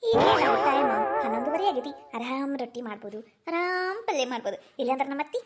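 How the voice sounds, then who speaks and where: A woman's voice: high voice, very animated, fast, music in the background. A woman voicing a chirpy young village daughter-in-law. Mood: cheerful. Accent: North Karnataka Kannada. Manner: chatty, exclaiming, rustic village talk. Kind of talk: comic cartoon voice acting.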